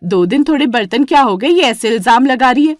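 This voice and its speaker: A woman voicing a bossy, scheming elder daughter-in-law in a dramatized story, talking loud and complaining. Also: fairly high pitch, lively intonation, normal speed, no echo, clean studio sound, pitched above the performer's own voice, lightly acted. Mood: shrill, indignant.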